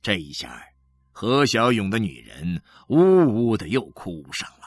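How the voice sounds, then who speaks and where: Deep, husky male narrator. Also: sing-song, unhurried, dry recording. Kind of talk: dramatic narration.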